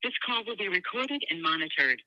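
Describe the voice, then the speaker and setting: A woman's voice: fairly low pitch, very animated, brisk, sharp tone, dry recording. Automated female phone prompt with keypad tones. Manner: clipped, formal recorded announcement. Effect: automated call prompt over the line with phone keypad tones. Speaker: automated prison phone system announcer. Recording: tinny phone line, dry.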